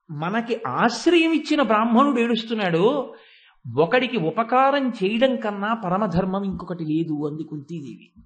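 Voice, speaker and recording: High-voiced man giving a devotional discourse. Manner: expressive storyteller, recites verses, addresses listeners as andi. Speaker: religious discourse speaker. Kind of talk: devotional discourse retelling epic stories.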